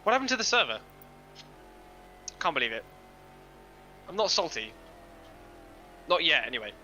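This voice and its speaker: Male streamer, casual racing chatter on a headset, sharp bright tone, joking at his own expense. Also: on the high side, very animated, normal speed, a little hiss or hum, rough recording. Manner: self-deprecating, swears casually. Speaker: streamer and sim racing driver. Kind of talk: casual chat while racing.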